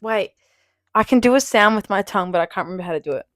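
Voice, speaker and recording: A young woman, co-hosting a casual podcast. She laughs in loud bursts and swears casually. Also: medium pitch, expressive, fast talker, no room sound, faint music behind. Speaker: podcast co-host. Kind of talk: casual chat.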